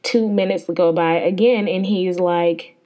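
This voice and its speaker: A woman's voice: fairly low pitch, fairly even intonation, measured pace, mellow, dull audio. A woman hosting a podcast, telling a story in a rambling, profane, exasperated way. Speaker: podcast host. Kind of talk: casual storytelling.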